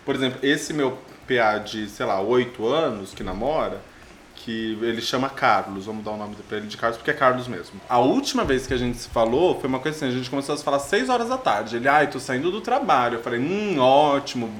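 A man's voice: mid-range voice, lively intonation, brisk, reverberant, a little hiss or hum. A Brazilian man in casual chat, playful and given to dramatizing his own worries. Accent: Brazilian Portuguese.

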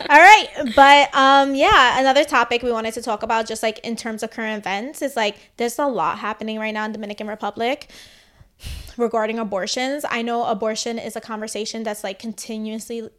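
A woman co-hosting a podcast shares animated opinions in casual chat, saying "like" constantly. Her voice is fairly high and a little fast.

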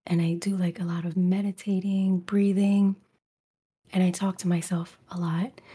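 Soft whispering woman, mellow and breathy. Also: lowish voice, level tone, normal speed. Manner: mostly whispering, with fillers like "like" and "you know". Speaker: ASMR video creator, interview guest. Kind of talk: casual interview answers.

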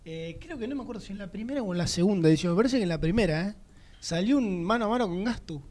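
A man's voice: high-pitched, expressive, quick pace, darkish tone. A man with an Argentine accent, co-hosting a sports talk show in a rambling, chatty way. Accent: Argentine Spanish. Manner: rambling, chatty, often trails off. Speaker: radio sports host. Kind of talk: casual chat.

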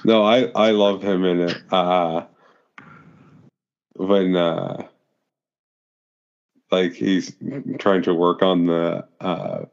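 Deep slow-talking man, rambling. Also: expressive, creaky, smooth, muffled recording. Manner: rambling, halting, many fillers and restarts. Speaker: podcast co-host. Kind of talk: casual movie discussion.

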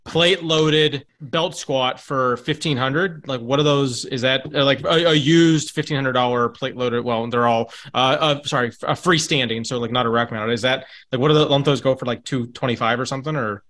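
A slightly tipsy man in a casual hobbyist chat, rambling and halting as he searches for words and swearing freely. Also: medium pitch, fairly bright tone. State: a little tipsy. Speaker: home gym roundtable panelist.

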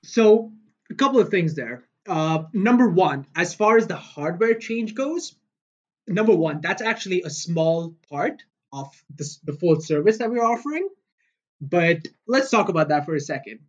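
Man giving an upbeat product pitch. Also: lively intonation, normal speed, lo-fi sound. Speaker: product specialist guest. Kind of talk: explanatory sales pitch.

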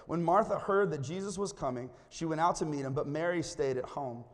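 Lively male pastor preaching in a reverberant hall. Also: a little high, fairly quick. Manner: lively, calls on the congregation to respond. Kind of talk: sermon. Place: church hall.

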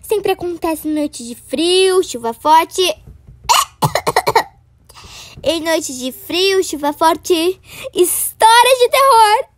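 A woman's voice: very high-pitched, takes it slowly, few pauses, no echo, studio quality. A woman playing a chatty, dramatic little girl who loves spooky tales, in a children's horror audio drama. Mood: theatrical.

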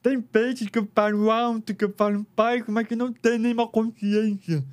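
Very high-voiced Brazilian man, clear. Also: flat delivery. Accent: Brazilian Portuguese. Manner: slow, careful, deliberate articulation. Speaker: interview guest. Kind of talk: personal story in conversation.

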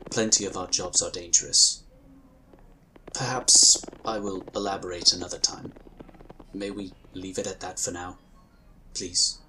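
In a sci-fi audio drama, a male actor plays a courteous, reassuring inquisitor of a magical order, using formal, measured, polite phrasing. His voice is low and steady, with a guarded mood and some background noise.

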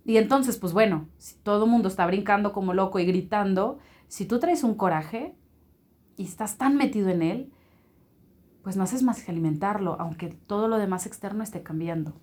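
A woman's voice: medium pitch, moderate pace. Woman telling a faith story. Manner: animated storytelling with lively acted-out quotes. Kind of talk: personal faith testimony.

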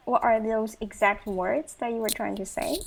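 A woman's voice: fairly high pitch, fairly even intonation, moderate pace, gravelly, slight background noise. Taiwanese woman hosting a casual interview. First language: Taiwanese Mandarin. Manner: hesitant, many restarts and "like" fillers. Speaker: podcast host.

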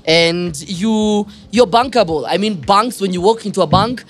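A man's voice: high-pitched, normal speed. Chatty podcast host man. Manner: chatty, laughs often, teasing. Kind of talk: casual interview chat.

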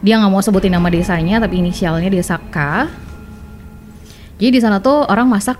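A woman's voice: mid-range voice, brisk, darkish tone, faint music behind. A woman from Indonesia co-hosting a podcast, casually retelling a listener's story and explaining as she goes. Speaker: podcast co-host. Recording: faint background noise and ambience.

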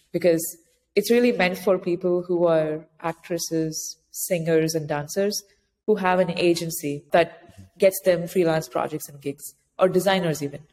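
As an interview guest, an author who advises immigrant founders speaks in a lowish, a little mellow woman's voice. Her tone is conversational as she lays out practical, explanatory advice. Background noise is clear, and the room sounds echoey, like a hall.

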